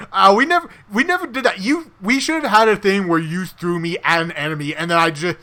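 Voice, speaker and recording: A man co-hosting a podcast, chatting casually and telling animated stories about a tabletop campaign, acting out characters' lines. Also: high-pitched, brisk. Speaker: podcast co-host and tabletop player. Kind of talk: casual chat.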